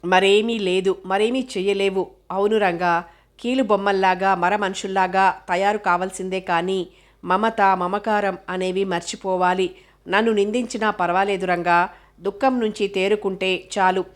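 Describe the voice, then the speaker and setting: A woman's voice: mid-range voice, fairly even intonation, normal speed, natural voice. Sorrowful resigned young woman, grave and fatalistic, read by a woman narrator.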